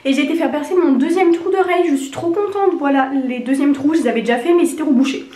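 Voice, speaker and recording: A woman's voice: high-pitched, fast, dark tone. A young woman chatting casually through a makeup review, rambling and informal, her voice slightly honking and duck-like from a cold. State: getting over a cold. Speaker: beauty vlogger. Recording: echoey untreated room.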